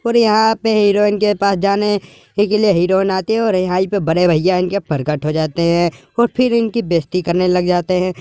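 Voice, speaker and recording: A man's voice: high voice, fairly even intonation, normal speed, mellow, clear, resonant tone, dry recording. A man casually retelling a film's plot, quoting the characters' lines in plain colloquial speech. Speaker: movie recap YouTuber.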